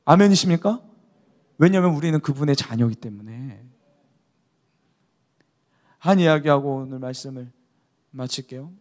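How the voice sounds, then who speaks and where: A man's voice: mid-range voice, normal speed, pauses often, a little mellow. A male pastor preaching a youth service sermon, exhorting the congregation and calling for amens. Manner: exhorting, calls for amen.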